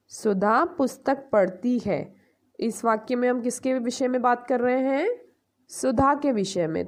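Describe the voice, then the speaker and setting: A woman teacher giving an online grammar lesson to young pupils, explaining step by step and asking the class questions before answering them herself. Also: on the high side. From India. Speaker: school teacher.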